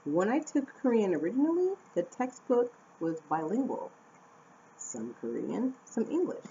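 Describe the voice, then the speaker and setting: A young American woman from Arizona chatting casually to camera at home, animated and talkative. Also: medium pitch, a little slow. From Phoenix, Arizona, USA. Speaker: vlogger and English teacher. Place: at home indoors. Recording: dull lo-fi camera audio with faint room noise.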